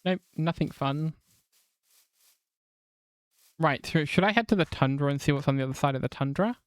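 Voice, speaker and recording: A woman's low voice moves at a moderate pace in a dry recording. She's from England, with a southern-northern mixed accent, chatting casually as she streams a game, reading chat aloud and swearing here and there.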